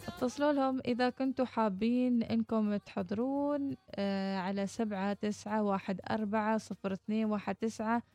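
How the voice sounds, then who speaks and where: A woman radio presenter reading a sponsored competition announcement in a halting, slightly informal way. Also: on the high side, steady tone, darkish tone, faint music behind.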